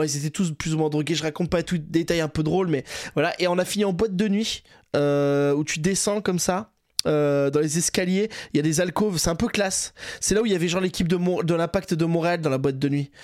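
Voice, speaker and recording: A man's voice: fairly high pitch, fairly even intonation, fairly quick, a little mellow, dry recording, studio quality. A man from France telling rambling anecdotes in casual chat, laughing often and filling with "euh".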